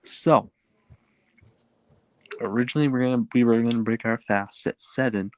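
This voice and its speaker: A man's voice: mid-range voice, normal speed, dry recording. A young man co-hosting a casual podcast in a rambling way, his speech slightly impeded by the retainer he is wearing. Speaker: podcast co-host.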